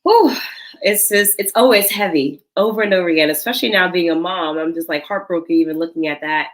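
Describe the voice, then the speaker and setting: A woman's voice: fairly low pitch, fairly quick, poor audio. A woman in her thirties from Senegal, a guest in an interview, speaking in an earnest, reflective way with light laughs. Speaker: guest, cosmetics founder. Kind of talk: interview conversation.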